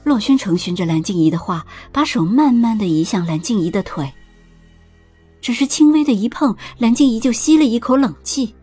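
A woman narrating a palace drama audiobook in a steady, expressive storytelling voice. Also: a little high, normal speed, breathy edge, soft background music.

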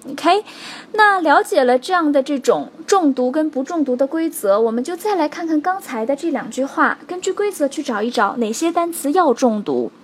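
Woman english teacher, high voice, explains step by step, asks "ok?" a lot. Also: expressive, slight background noise. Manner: explains slowly and clearly, stressing example words, checks in with "OK?" and "right?". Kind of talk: spoken English lesson.

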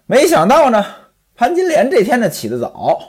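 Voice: medium pitch, wildly swooping pitch, moderate pace, a little mellow, breathy edge. A storyteller retelling a classic novel in a chatty, traditional oral style, stepping out of the tale with asides to the listeners.

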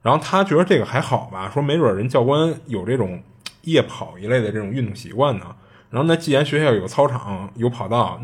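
A husky-voiced man tells a ghost story at a quick clip. His delivery is chatty and casual, sprinkled with fillers, like a podcast host spinning a yarn for listeners. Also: mid-range voice. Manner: chatty, animated retelling with frequent fillers.

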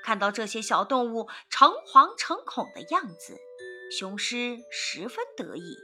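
Lady reading a kids story, sing-song and bright, a bit high. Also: very animated, measured pace, soft background music. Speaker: children's storyteller. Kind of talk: storybook narration for children.

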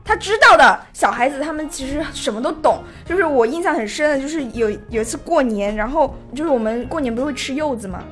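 A woman in her twenties in casual chat, telling a family story in an animated way and acting out what was said. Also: high-pitched, quick pace, few pauses. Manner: animated storyteller who acts out quoted lines. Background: music playing underneath.

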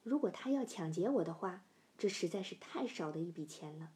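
A middle-aged woman telling a first-person story, sinking to hushed whispers in tense parts. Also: fairly low pitch, animated, a little fast. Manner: dropping to hushed whispers in suspense.

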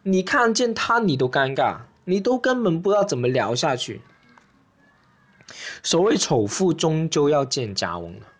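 A man's voice: fairly high pitch, normal speed, husky. A man hosting and performing an open-mic stand-up monologue, ranting in an exaggerated way and acting out little scenes. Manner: animated, exaggerated, rants and acts out scenes. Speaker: stand-up comedian and host.

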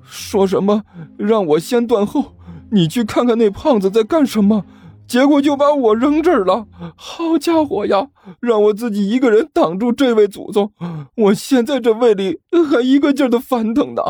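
A man voicing a frightened, whiny young male apprentice who pleads in a shrill, panicky voice in an audiobook. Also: lively intonation, normal speed, a little mellow, faint music behind. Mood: whining. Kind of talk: audiobook character voice.

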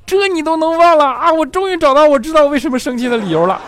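A man voicing a dramatic, unreasonable young girlfriend in a shrill, whining falsetto. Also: fast talker, slight background noise. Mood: whining outburst.

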